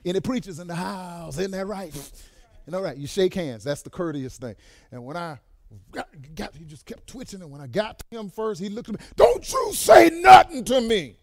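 A man preaching a sermon to a church congregation, swelling into loud exclamations and dropping quiet while telling stories, sprinkling in amens. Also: high voice, expressive, brisk. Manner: punctuates lines with "amen" and "bless God". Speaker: pastor.

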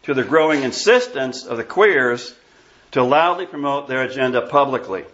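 A man's voice: medium pitch, lively intonation, moderate pace, a bit bright, dull audio. A pastor in his sixties from Iowa, preaching an emphatic, scornful sermon and bantering with the congregation. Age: 60s. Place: church sanctuary.

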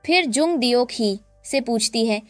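High-voiced woman recapping a drama. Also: lively intonation, measured pace, no room sound, faint music behind.

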